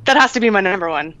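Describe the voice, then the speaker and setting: A woman's voice: sits high, a bit bright, muffled recording. A woman guest on a podcast in casual chat, giggly and self-deprecating.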